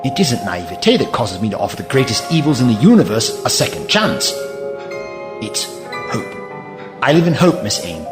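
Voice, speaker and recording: An actor playing an eccentric, kindly, hopeful time-travelling adventurer in an audio drama, theatrical and gently paternal, with old-fashioned courtesy. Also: male voice, mid-range voice, natural voice.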